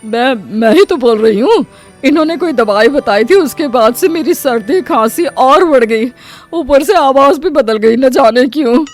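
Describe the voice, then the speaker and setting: A woman voicing a young wife whose cold has turned her voice gruff and manly, stuffy and complaining. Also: high-pitched, animated, moderate pace, soft background music. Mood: sickly complaining. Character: male-voiced daughter-in-law with a bad cold. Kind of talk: animated storybook voice acting.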